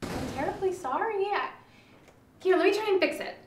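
An actress playing a prim, formally polite young roommate. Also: female voice, extremely high pitch, animated, moderate pace, slight background noise. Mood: apologetic. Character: prim, oddly polite young woman in a cardigan. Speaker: roommate Margaret. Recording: roomy echo.

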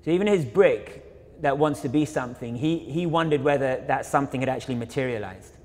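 A young man speaks in a middle-pitched voice, thinking aloud as he lectures, with frequent fillers and restarts. His words ring with the long reverb of a large university auditorium. The tone is an informal illustrated talk by a photographer. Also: animated, a little fast, a little mellow. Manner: reflective, many fillers and self-corrections. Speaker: photographer and filmmaker giving a lecture.

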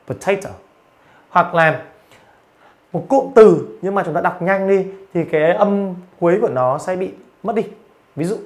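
A man teaching, giving an online grammar and pronunciation lecture and explaining patiently with frequent fillers. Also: a little high. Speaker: English teacher.

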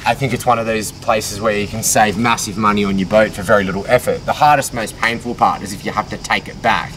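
A man's voice: lowish voice, fast talker, distant mic, slight background noise. A man sailing vlogger casually explaining boat maintenance outdoors at a boatyard, recorded on a handheld camera. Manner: relaxed, explanatory, jokey. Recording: background music under the voice. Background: background music.

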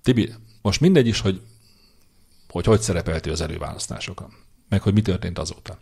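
A man's voice: sits low, animated, vocal fry, dark tone, breathy edge. A man co-hosting a casual podcast, opinionated and teasing as he makes predictions and mocks public figures. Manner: opinionated, teasing, quick to mock. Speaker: podcast co-host. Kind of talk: casual political chat.

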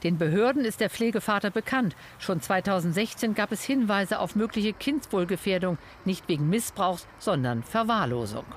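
A man reading a scripted news voice-over in a sober, measured way. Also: high-pitched, expressive, slight background noise. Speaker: news narrator.

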